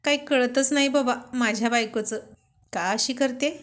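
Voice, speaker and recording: A woman's voice: a little high, normal speed, a bit bright, natural voice. A woman voicing a playful, affectionate young husband who teases and coaxes his wife in a storybook reading. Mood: teasing. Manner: teasing, coaxing.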